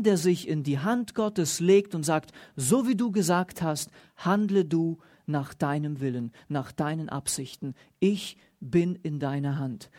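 A woman delivers a sermon at an unhurried, deliberate pace, reading scripture and commenting on it. Her voice is warm and mellow, and it swells with emphasis on each invocation. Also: deep voice. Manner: slow, emphatic, rising loudly on invocations. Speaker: preacher.

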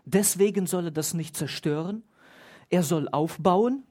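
Speaking a little slowly in a mellow mid-range voice, a Bible study teacher reads verses, explains them with stress on single words, and questions the listeners.

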